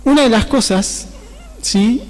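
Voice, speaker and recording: High-voiced preacher in a reverberant church. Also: male voice, takes it slowly. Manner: conversational preaching, often tagging phrases with a questioning "¿sí?". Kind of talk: sermon.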